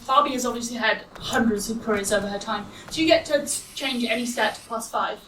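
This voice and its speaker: A woman's voice: on the high side, fairly quick, a bit bright, a little hiss or hum, poor audio. A woman as game master narrating a tabletop game live, playful and prompting players for rolls. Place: live stage at a gaming convention.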